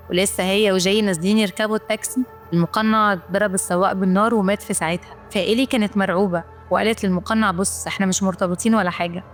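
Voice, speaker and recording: An Egyptian woman races through a scripted film recap in a mid-pitched voice and a lively, colloquial storytelling manner. Faint music plays underneath. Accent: Egyptian Arabic. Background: faint background music.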